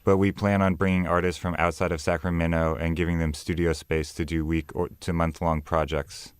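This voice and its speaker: Bardzo niski, gładki męski głos. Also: male voice, deep voice, level tone, a little fast, clean tone, no room sound. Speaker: interview guest, artist. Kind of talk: casual interview talk.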